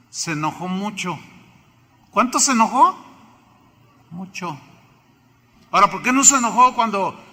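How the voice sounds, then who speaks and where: Man, Mexican accent, pastor, emphatic sermon, high voice, echoing church hall. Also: sharp tone. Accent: Mexican Spanish. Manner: emphatic, rhetorical questions to congregation.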